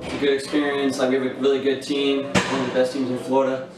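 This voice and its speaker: A man's voice: mid-range voice, monotone, quick pace, recorded from a distance, over music. A young man in his twenties, a powerlifter, talking casually and matter-of-factly about training. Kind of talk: casual gym interview. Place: large busy gym, indoors. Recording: roomy gym with crowd noise.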